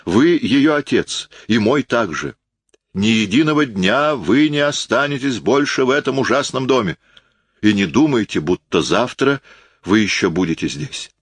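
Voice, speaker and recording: A man's voice: low-pitched, animated, measured pace, no room sound. A man reading an audiobook, voicing an impassioned, insistent young man who speaks in emphatic exclamations.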